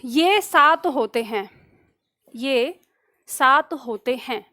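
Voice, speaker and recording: Woman, high voice, exam-prep teacher who dictates slowly and quizzes herself aloud. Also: expressive, pushed and bright. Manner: repeats phrases slowly for dictation; asks questions and answers them herself. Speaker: Hindi grammar teacher. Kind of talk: online exam-prep lesson.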